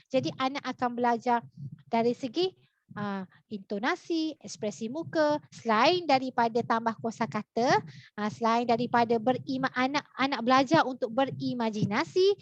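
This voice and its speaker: A Malaysian woman leads a live online reading lesson in a high voice, keeps asking her viewers questions, and fills her pauses with little sounds. The sound is dry and dull, a lo-fi recording. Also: no echo. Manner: chatty, many fillers, asks viewers questions. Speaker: reading teacher.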